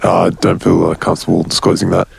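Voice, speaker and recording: A man playing an anonymous whistleblower whose voice is deep and distorted by a voice changer, talking evasively with many hesitations. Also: sing-song, quick pace, creaky, husky, no echo, exaggerated voice. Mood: secretive. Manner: evasive, hesitant, reads forecasts as secrets. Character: anonymous male whistleblower with disguised voice. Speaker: caller. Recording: voice changer on a call.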